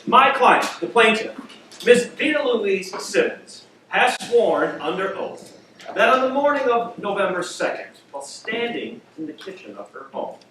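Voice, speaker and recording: A man's voice: sits high, heavily acted. A man playing a pompous blustering judge. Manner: declamatory stage delivery, projecting loudly. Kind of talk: amateur stage play. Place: theater stage. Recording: distant stage, echoey theater, hiss.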